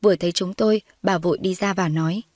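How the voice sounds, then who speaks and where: A woman's voice: fairly low pitch, fairly even intonation, fast talker, dry recording, clean studio sound. A woman reading a story aloud and voicing every character's lines herself. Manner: reads all the characters' lines in her own voice, rising when characters shout. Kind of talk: scripted narration with voiced dialogue.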